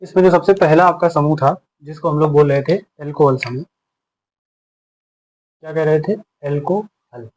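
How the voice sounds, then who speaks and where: A man's voice: on the high side, darkish tone, rough recording. A man teaching a chemistry lesson. He explains patiently, asking questions and answering them himself. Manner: patient, asks and answers his own questions.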